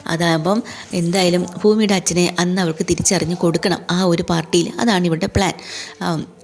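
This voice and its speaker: A woman's voice: lowish voice, fairly even intonation, moderate pace. A woman hosting a channel that recaps a TV serial, narrating in a casual, chatty way with frequent tag questions.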